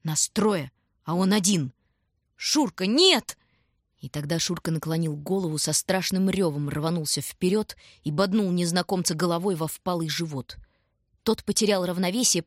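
A woman reading a story aloud in scripted, measured and dramatic narration. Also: on the low side, no echo, clean studio sound. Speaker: audiobook reader.

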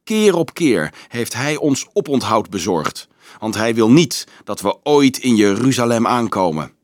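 A man voicing a scornful older monk who accuses in a sneering, drawn-out tone, as read from a storybook. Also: medium pitch, animated, no echo, studio quality, close to an everyday voice.

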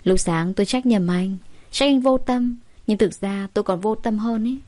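A woman narrating a story in the first person, in a lively, conversational way. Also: medium pitch, normal speed, dry recording. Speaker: audiobook narrator.

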